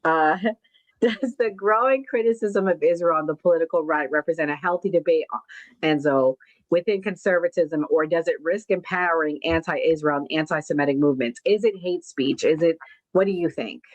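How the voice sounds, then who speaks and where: A woman's voice: low voice, normal speed, no room sound, low-quality recording. A woman moderating a debate, steering the talk back to the question.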